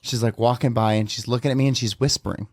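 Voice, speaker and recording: A male podcast host tells stories with animated, chatty energy. His voice sits at an everyday middle pitch. It is recorded dry and close, with no room sound. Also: fast talker, no room sound. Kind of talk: casual podcast chat.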